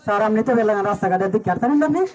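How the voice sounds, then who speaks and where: A man's voice: high-pitched, animated, very fast. A man with a rural Bangladeshi accent playing a cheeky dentist's assistant who chatters and argues in a comic stage play. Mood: complaining. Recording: outdoor stage with noisy crowd.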